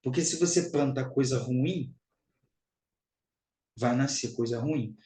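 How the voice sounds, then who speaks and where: A man's voice: mid-range voice, takes it slowly, warm tone, roomy sound, low-quality recording. A Brazilian man giving a spiritual teaching talk, emphatic and repetitive, calling his listeners brothers and sisters.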